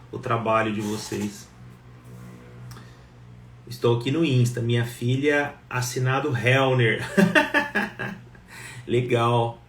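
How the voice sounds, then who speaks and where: A chatty man hosts a live stream from home, greeting viewers one by one in a relaxed, casual way. He sits back from a wireless mic, so his voice sounds distant in a roomy space, with faint noise behind him. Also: mid-range voice. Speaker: live show host. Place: home, Ribeirão.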